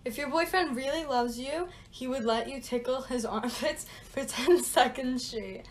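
Young woman, high voice, slow-paced, giggly, teasing, casual challenge clip, faint noise. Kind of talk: playful casual challenge video.

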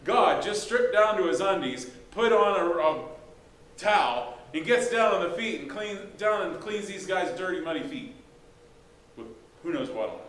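A man's voice: high voice, animated, normal speed, fairly bright tone. A man preaching a sermon as pastor, conversational and folksy, with rhetorical questions and casual asides. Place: church sanctuary. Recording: echoey church room, faint background hiss.

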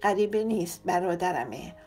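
A woman voicing a dignified, polite man with a gentle, composed manner, in an audiobook. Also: fairly low pitch, animated, lightly acted. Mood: calm. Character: dignified, courteous older brother, gentle.

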